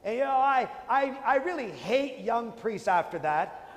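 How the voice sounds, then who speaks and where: A man preaching in a big convention hall, telling a story with comic flair, his voice rising loud and then dropping low. His voice sits fairly high, and a long reverb trails every phrase. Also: animated, measured pace. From Canada. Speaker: priest. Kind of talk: sermon with humorous storytelling.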